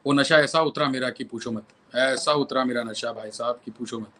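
A man's voice: medium pitch, fairly even intonation, normal speed, fairly bright tone. A male violinist and composer telling anecdotes as an interview guest, repeating phrases for emphasis.

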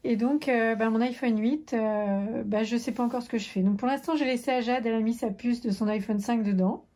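Chatty teasing mother, mellow voice. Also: a little high, fairly even intonation, a little fast. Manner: chatty, teasing, many fillers. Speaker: mother of the vlogger, co-host. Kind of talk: casual home video chat.

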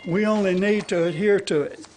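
This is a high, darkish male voice at a moderate pace, with slight background noise, from a citizen activist aged 70 or older. He gives rambling, homespun testimony to a legislative committee from a podium with a gooseneck mic, in a large hearing room with an audience seated. He often pauses to check in with his listeners.

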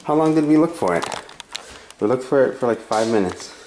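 Deep-voiced mother narrating a family vlog. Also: fairly quick. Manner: excited, coaching children while filming. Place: dim room at home. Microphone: handheld camera filming. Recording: echoey home room, faint noise.

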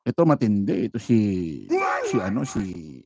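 A man's voice: fairly low pitch, very animated, normal speed, over loud music. A Filipino man giving a casual, mocking commentary on a live stream, laughing often and mimicking chants. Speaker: vlogger commenting on a rally.

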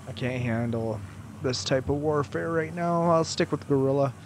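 A man's voice: mid-range voice, background noise. Exasperated man commenting on his gameplay. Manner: exasperated, swears, talks to his viewers. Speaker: video game player. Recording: game sound playing loudly under his voice.

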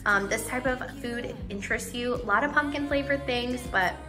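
A woman's voice: fairly high pitch, moderate pace. A young woman chatting casually in a vlog voice-over, full of "like" and "um" fillers. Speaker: lifestyle vlogger. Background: background music.

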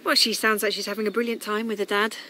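A woman's voice: medium pitch, level tone, fast talker, pushed and bright, a little hiss or hum, lightly acted. An actress playing a guarded, curt young mother who pushes back at an interfering man. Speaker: Pip, a mother. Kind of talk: radio drama acting.

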